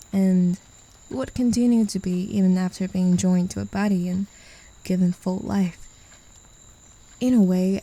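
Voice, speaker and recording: In a soft, condescending ASMR roleplay, a woman plays a possessive demon toying with the pet she has claimed. Her voice is very dark and gravelly with a husky edge, and she teases before sinking into low whispers. The recording quality is rough.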